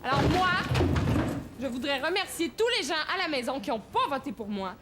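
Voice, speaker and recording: A woman's voice: high voice, very animated, quick pace, a bit bright, a little hiss or hum. A woman with a Quebec French accent playing a preachy, indignant character in a sitcom sketch. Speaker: sketch comedian.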